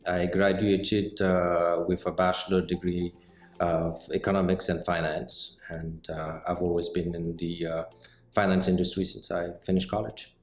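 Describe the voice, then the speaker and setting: A middle-aged man from Senegal, a mortgage banker answering interview questions in a measured, explanatory way with frequent pauses. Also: low-pitched. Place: indoor office set with bookshelves. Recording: roomy indoor sound with faint music.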